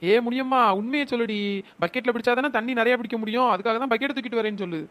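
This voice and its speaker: A woman plays a scheming young village woman in a cartoon comedy, who keeps setting her neighbours against each other. She talks at a rapid clip, in a slightly high voice, sharp and teasing. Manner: scheming, scolding, quick village banter. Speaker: cartoon storyteller voicing the schemer Chinna Ponnu.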